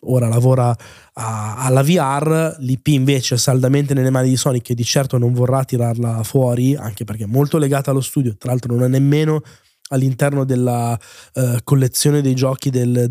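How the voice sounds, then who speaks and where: A man with a dark, mellow and somewhat hoarse voice talks as a podcast host. He tells his stories in a conversational, reflective way, recorded close and dry. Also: mid-range voice, no echo. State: hoarse, under the weather. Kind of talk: conversational podcast monologue recounting interviews.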